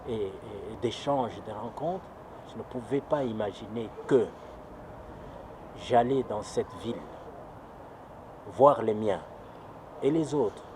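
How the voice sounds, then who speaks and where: A man from Congo giving a documentary interview, grave and emphatic, repeating phrases for effect. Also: medium pitch. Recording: clear street noise behind.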